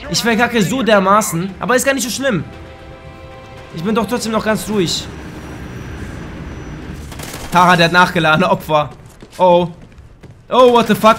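Young male gamer, high-pitched and a bit hoarse, crude and excitable, yelps at his screen, faint game gunfire behind. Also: a little hiss or hum. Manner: excitable, crude, bursts into shouts. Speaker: gaming YouTuber. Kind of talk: casual let's play commentary. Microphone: desk microphone.

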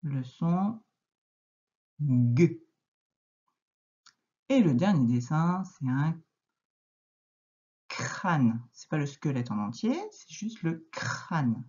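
A woman with a French accent leads a phonics lesson for young children, pausing often and repeating each word slowly. Her voice is low and mellow, and she keeps her praise gentle and steady. The recording sounds slightly muffled. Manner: gentle, encouraging, pauses and repeats words slowly. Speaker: primary school teacher.

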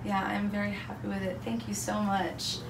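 A woman's voice: medium pitch, completely flat delivery, normal speed, creaky. A woman in her twenties chatting casually and enthusiastically to her vlog audience. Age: 20s. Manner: upbeat, enthusiastic. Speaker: patient vlogging her surgery recovery. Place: small clinic exam room, restaurant. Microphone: camera or phone nearby. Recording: roomy, noisy camera audio.

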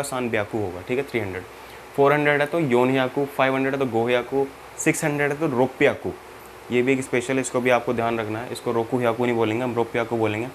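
A man's voice: mid-range voice, slight background noise. A man teaching a Japanese language lesson, patient, repeating each step and checking that the learner follows. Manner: mixes in English terms, spells out each example.

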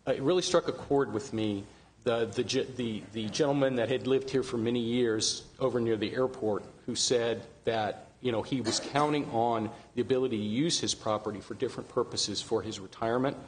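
A middle-aged man giving earnest public testimony at a county meeting, halting with fillers and restarts, speaking into a desk microphone. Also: medium pitch, a little hiss or hum.

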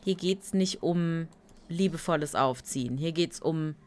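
A tired woman streaming a life-sim game, chatting casually and greeting viewers by name with playful asides. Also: low-pitched. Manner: slow, relaxed talk with playful asides. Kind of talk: casual live-stream commentary.

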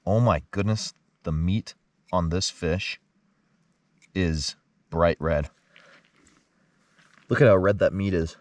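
A man in his thirties filming a solo fishing vlog at a lakeshore at night, chatting to the camera with easy excitement. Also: low voice, slow, pauses often, no room sound, distant mic. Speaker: fishing vlogger. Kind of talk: casual solo outdoor vlog. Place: dark forest lakeshore at night, outdoors.

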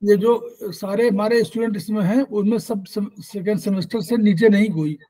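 A man's voice: sits high, fairly even intonation, normal speed, warm tone, rough recording. A man hosting an online class, introducing guests in formal, ceremonious phrasing. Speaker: class organizer and host.

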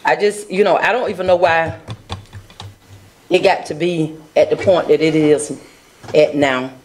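A middle-aged woman speaks earnestly at a council dais, pausing and restarting her thoughts. She talks into a desk microphone in a council chamber. A faint hiss sits under the recording. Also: low voice, fairly even intonation, a little mellow. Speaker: city council member. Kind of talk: council meeting remarks.

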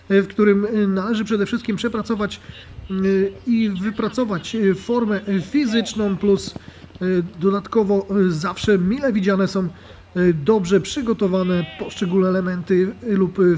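A man's voice: sits high, a little mellow, slight background noise. A man narrating a voice-over report on a football friendly, with frequent "e" fillers. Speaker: sports commentator.

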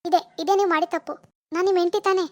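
Loyal cartoon wife, firm and scolding, voiced by a woman, very fast. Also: extremely high pitch, steady tone, no echo. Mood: reproachful. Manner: scolding, then firm and reassuring. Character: fierce, loyal young wife. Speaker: narrator who greets viewers. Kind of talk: cartoon voice acting.

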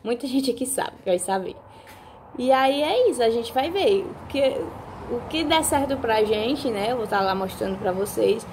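A woman's voice: on the high side, animated, moderate pace, a little mellow, slight background noise. A woman, chatting casually to her viewers on a phone video, often checking in with them and repeating herself. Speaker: vlogger. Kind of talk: casual vlog talk to viewers. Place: countryside home.

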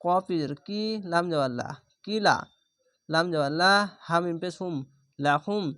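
A man's voice: a little high, fairly bright tone, clear, resonant tone, no echo, studio quality. A man teaching Quran reading, patiently spelling out each syllable letter by letter and explaining the rules as he goes. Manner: spells out syllables slowly and methodically.

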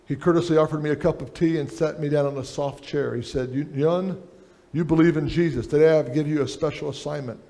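A man's voice: fairly high pitch, fairly even intonation, quick pace, few pauses, mellow. A middle-aged man preaching a sermon on a church stage, reading aloud from a book at a lectern.

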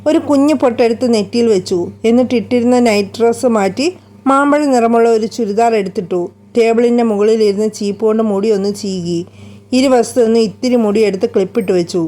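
Woman narrating a storybook, mellow tone. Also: fairly high pitch, a little fast. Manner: expressive storybook reading. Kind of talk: scripted narration.

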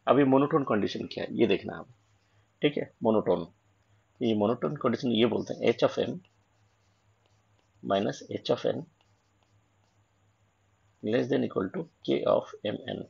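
A man's voice: medium pitch, slow, creaky, pauses often, a little mellow, breathy edge. A man with an Indian accent working through an assignment as an online tutor, mixing English and Hindi and explaining step by step. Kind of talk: assignment walkthrough lecture. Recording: dull lo-fi recording.

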